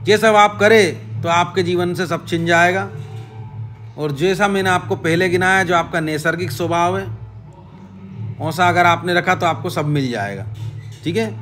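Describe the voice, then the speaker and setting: Man, somewhat high voice, casual astrology explainer, repetitive listing, direct address, faint background music. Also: normal speed, fairly bright tone. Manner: repetitive, direct address to viewer with frequent "ठीक है?"; listing advice in short chanted phrases. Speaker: astrology channel host.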